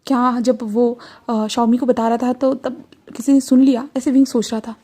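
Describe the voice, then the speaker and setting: A woman's voice: fairly high pitch, fairly even intonation, normal speed, warm tone. A woman casually retelling a fan fiction story, conversational and full of fillers.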